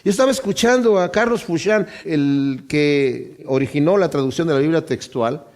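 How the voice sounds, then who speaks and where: Emphatic preacher, fairly high-pitched man. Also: a little mellow. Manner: emphatic, reads scripture aloud slowly; addresses the congregation directly. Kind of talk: Bible-study sermon.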